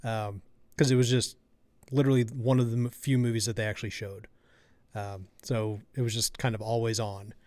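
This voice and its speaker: A man co-hosting a podcast, telling a relaxed story with lots of fillers. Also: mid-range voice, normal speed, dry recording. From Kansas City area. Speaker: podcast co-host. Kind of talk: casual chat.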